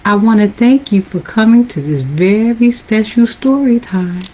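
A woman librarian reading a picture book aloud to children in a sing-song storytime manner, gently coaxing her young listeners. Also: fairly high pitch, lively intonation, a little slow, husky.

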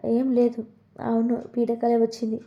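A woman's voice: on the high side, monotone, normal speed, roomy sound, muffled recording, lightly acted. A woman voicing a young heroine in a retold serial story, refusing and troubled, talking in short pleading lines. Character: young woman torn over love, refusing firmly.

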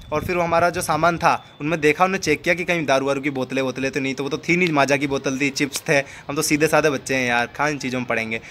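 A man's voice: fairly high pitch, a bit bright, a little hiss or hum. A young man with a Rajasthani Hindi accent telling a personal story in a chatty way, repeating phrases and acting out the people he quotes. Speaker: storyteller vlogger. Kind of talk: casual spoken storytelling.

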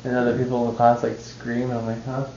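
A man in casual chat, telling animated stories and acting out what others said. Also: mid-range voice, fast talker, gravelly. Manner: animated storytelling, acting out quoted remarks. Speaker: cooking student. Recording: echoey room, dull lo-fi sound with faint noise.

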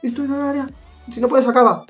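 A woman's voice: sits high, fast, highs cut off. Spanish gamer woman in her 20s, live play-by-play, hot-headed and foul-mouthed, faint music underneath. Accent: Spain Spanish. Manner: excitable, swears often, rants at the referee. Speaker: gaming YouTuber. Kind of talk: live gameplay commentary.

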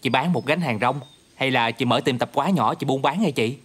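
Actor as an earnest protective younger brother. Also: male voice, mid-range voice, a little fast, breathy edge, lightly acted. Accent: Southern Vietnamese. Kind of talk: TV drama acting.

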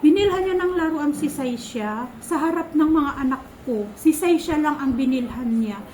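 A woman's voice: sits high, lively intonation, normal speed, darkish tone, a little hiss or hum, rough recording. A Filipino woman vlogger in her thirties telling viewers, chatty and exasperated, about a family quarrel, quoting what each person said. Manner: chatty, exasperated, retells quarrels with quoted lines. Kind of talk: casual storytelling to viewers.

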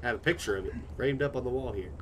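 Streamer, male, put-on Southern drawl, rambling frustrated live commentary at home, mid-pitched, background noise. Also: racing. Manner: rambling, thinking aloud, frustrated. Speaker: gaming streamer.

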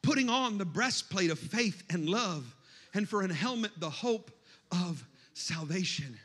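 A man preaching a sermon in a church, moving between hushed scripture reading and shouted exhortation. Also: high voice, expressive, unhurried, husky.

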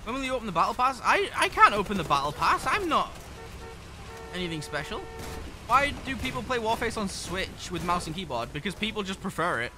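A man streaming a shooter game live, chatting with his viewers in a profane, excitable way and quick to rant. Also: high voice, music in the background. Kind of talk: live gameplay commentary with chat. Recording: game gunfire clearly heard behind the voice.

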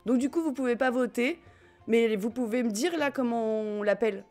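Live-streaming a game with its music audible, a French woman speaks at normal speed in a fairly high voice with a darkish tone. Her chat with viewers is casual and giggly, sprinkled with swearing.

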